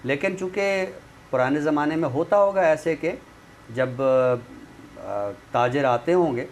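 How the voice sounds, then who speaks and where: A literary expert guest, a man with a rather high voice, speaks slowly and explains things in a didactic, conversational way. He keeps checking that the listener follows, using tag phrases. The room recording is clearly noisy.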